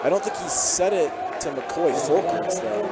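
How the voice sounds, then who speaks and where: Excitable young play-by-play man over a loud crowd. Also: fairly high pitch, unhurried. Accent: American. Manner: excitable, shouting at big plays. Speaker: play-by-play announcer. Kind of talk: high school basketball commentary. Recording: loud crowd and gym noise behind.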